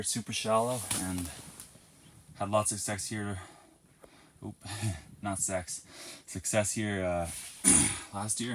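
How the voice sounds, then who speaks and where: A man giving casual, slangy fishing vlog commentary in a laid-back way, recorded on location. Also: low-pitched. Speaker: fishing vlogger. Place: inside an ice fishing tent and outdoors on a lake. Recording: noisy outdoor ice fishing recording.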